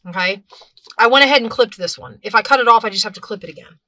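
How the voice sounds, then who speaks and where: A woman with a bright, clear voice talks viewers through a hands-on craft tutorial in a relaxed, chatty way. She narrates while her hands stay busy and often stops to rephrase or correct herself mid-sentence. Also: on the high side, fast, no room sound. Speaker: craft video host.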